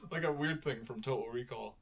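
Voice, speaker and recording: A man's voice: a little high, gravelly. A man co-hosting a podcast in crude, mocking banter, laughing constantly between lines. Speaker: podcast co-host.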